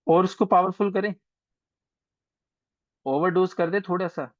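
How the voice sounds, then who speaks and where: Speaking at a measured pace in a high-pitched voice, a man leads an astrology class online, casually chatting and gently teasing and coaxing his students. The dry, dull, lo-fi audio comes from a video call.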